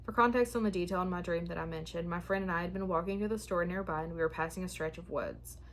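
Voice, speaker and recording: A young woman runs a horror story channel, talking frankly and then reading a listener's story aloud as her voice turns hoarse. Chatting, she's candid and a little frazzled; reading, she steadies. Her voice sits low, she speaks fast, and there's a faint hiss or hum.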